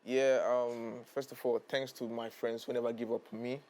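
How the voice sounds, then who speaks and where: Young man from ghana, musician being interviewed, hesitant, repeats words, mid pitch. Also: flat delivery, moderate pace, a little mellow. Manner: hesitant, repeats himself, earnest. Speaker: musician guest. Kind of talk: casual interview chat.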